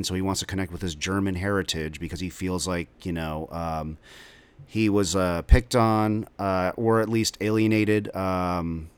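A man with a low, smooth voice talks casually as a podcast host, rambling through his introduction with frequent pauses and filler sounds. The recording is close and dry. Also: no room sound.

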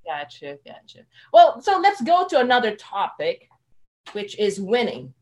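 A woman's voice: medium pitch, huge pitch swings, measured pace, darkish tone. Chatty woman hosting a live interview. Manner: chatty, eager, laughs easily. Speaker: live show host.

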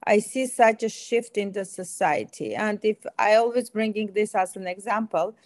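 With a mid-range voice at a moderate pace and no echo, a middle-aged woman from Armenia answers interview questions as a guest. She is an aesthetic medicine physician with an Armenian accent, and she speaks with enthusiasm and emphasis.

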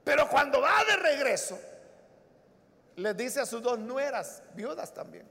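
A male preacher giving a sermon, retelling Bible stories in an animated way that swings between soft and loud. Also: very high voice, a little slow, gravelly. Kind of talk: sermon with acted-out Bible scenes. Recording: long reverb of a large hall.

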